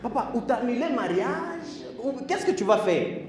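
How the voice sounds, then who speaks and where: Male preacher, high lively voice, builds to shouts, echoey hall with faint music. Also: a little slow. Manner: animated, switches languages, builds to shouting. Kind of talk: conference sermon. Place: church hall.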